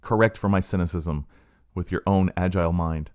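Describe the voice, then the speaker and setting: A man's voice: deep voice, steady tone, moderate pace, a little mellow. A middle-aged man hosting a podcast, telling a story in a sardonic, casual monologue. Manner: sardonic, storytelling with acted quotes. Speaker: podcast host.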